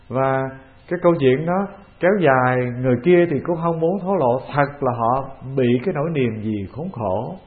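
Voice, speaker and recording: A man with a Vietnamese accent, a Buddhist monk giving a calm, measured dharma talk, often putting questions to the assembly. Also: medium pitch. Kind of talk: sermon. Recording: tinny phone-like lo-fi recording.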